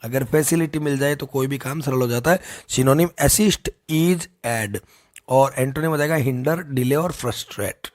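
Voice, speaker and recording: A man teaching English vocabulary in a folksy way, repeating key phrases and slowing down to stress words. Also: mid-range voice. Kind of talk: explanatory lesson with memory tricks.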